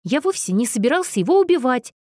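A woman's voice: high voice, sing-song, a little fast, a little mellow, dry recording, pitched above the performer's own voice. A woman reading an audiobook, voicing a pedantic young man with a dry, matter-of-fact manner. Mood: offended, reasoning. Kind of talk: audiobook character voice.

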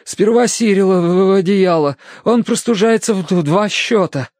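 A male narrator voicing a flustered, excitable young man who shouts and stammers, in an audiobook. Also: sits high, moderate pace, dry recording, clean studio sound, voice pushed up, close to an everyday voice. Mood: flustered stammering.

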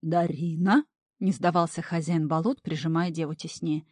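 A woman narrating a fantasy story in the first person, animated and playful. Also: fairly low pitch, normal speed, no room sound. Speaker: audiobook narrator.

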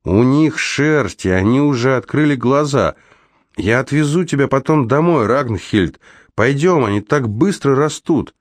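A man voicing a big shaggy man in an audiobook, calling out loudly and coaxing enthusiastically, in a low, dry voice raised well above his own. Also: huge pitch swings, normal speed, hardly any pauses, no room sound. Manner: calls out loudly, enthusiastic and persuasive.

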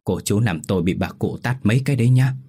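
Wry older village neighbor done by a man, low husky voice. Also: fast, dark tone.

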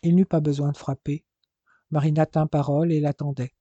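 Guy reading a novel out loud, dark tone, dry close sound. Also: on the high side, flat delivery, a little fast, no room sound, lo-fi sound. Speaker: narrator.

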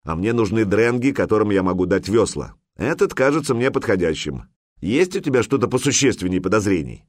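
A male narrator voicing a cunning Viking chieftain who speaks calmly and seriously, with authority. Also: lowish voice, a little fast, no echo, studio quality. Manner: commanding, calm and serious.

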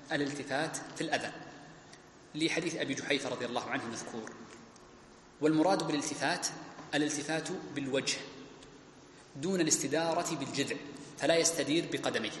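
A man's voice: medium pitch, fairly bright tone. A man teaching a classical religious text, explaining point by point and repeating key phrases. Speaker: Islamic scholar teaching a text. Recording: echoey hall with faint background noise.

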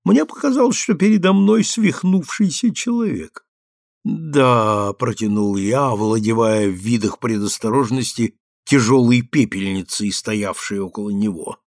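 Male audiobook narrator, measured and expressive, mid voice, dry close mic. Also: mid-range voice, no room sound. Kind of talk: scripted narration.

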